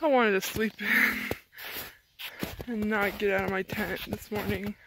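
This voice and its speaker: Young woman, trail vlogger, slow easygoing talk, tired, arm's-length phone outdoors, faint hiss. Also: mid-range voice, steady tone. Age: young adult. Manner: chatty, rambling, laughs often, talks while walking. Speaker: thru-hiker vlogger. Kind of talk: casual trail vlog. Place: outdoors in a mountain forest. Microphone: phone camera held at arm's length.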